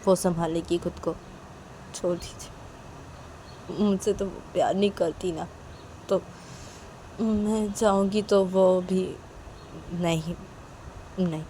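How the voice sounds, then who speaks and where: A woman voicing a lovelorn young woman who confesses her love in a soft, halting, pleading way. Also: lowish voice, steady tone, slight background noise, poor audio. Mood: hesitant.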